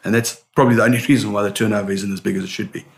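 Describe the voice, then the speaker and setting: A middle-aged man, a sales consultant, answering interview questions in an animated storytelling manner with frequent restarts. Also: fairly low pitch, racing, creaky. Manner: animated storyteller, repeats words when starting.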